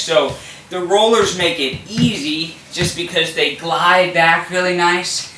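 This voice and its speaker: Fitness instructor, man, bright edgy voice, straining mid-exercise, recorded off-mic in an echoey room. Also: a little high, distant mic, slight background noise. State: effortful, straining. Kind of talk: exercise demonstration.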